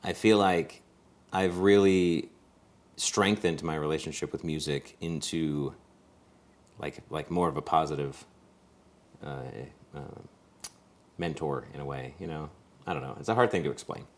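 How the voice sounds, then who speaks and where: A man's voice: extremely low pitch, measured pace, pauses often. A young man co-hosting, talking in a rambling, reflective casual chat and often searching for words. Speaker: co-host.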